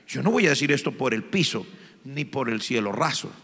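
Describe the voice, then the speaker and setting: A man preaching a sermon as pastor of a church, building from calm passages to fervent shouted appeals. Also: mid-range voice, brisk. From Colombia. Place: church sanctuary. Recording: long church hall reverb.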